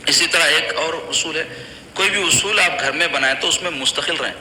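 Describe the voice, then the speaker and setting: A man's voice: a little high, sharp tone. A man giving an earnest, admonishing religious lecture to a congregation. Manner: earnest, admonishing, plain conversational phrasing. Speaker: Islamic preacher. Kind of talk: religious lecture on child upbringing. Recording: echoey hall with faint noise.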